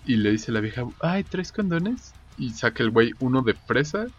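A man's voice: mid-range voice, fairly quick, slightly rough, dull audio. Crude, slangy Mexican man storytelling. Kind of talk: casual chat, retelling a film.

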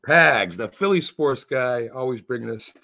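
A man's voice: medium pitch, lively intonation, normal speed, gravelly, sharp tone. A man hosting a sports talk show, addressing listeners in an upbeat way. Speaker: host. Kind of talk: show host wrap-up.

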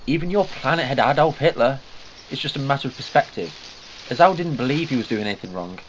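A man's voice: medium pitch, animated, quick pace, slight background noise, close to an everyday voice. A man voicing a clever, earnest time traveller who explains things with urgency. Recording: dull lo-fi with music.

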